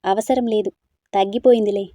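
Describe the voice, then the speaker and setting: A woman's voice: mid-range voice, fairly even intonation, normal speed, mellow, no echo, studio quality, lightly acted. Woman reading as an earnest young man. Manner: coaxing and earnest. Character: young man, gentle and teasing suitor.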